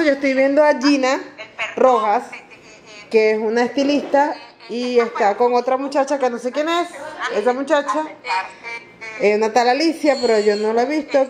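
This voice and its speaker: A woman with a Venezuelan accent, vlogging casually at home in a chatty, playful, exclamatory way. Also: sits high. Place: home, indoors.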